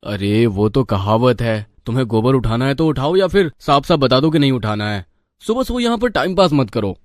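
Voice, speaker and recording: A man's voice: medium pitch, moderate pace, no echo, clean studio sound, natural voice. A man voicing a young husband who reproaches his wife. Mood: stern. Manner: reproachful, lively intonation. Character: stern young husband and son. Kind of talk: Hindi storybook voice acting.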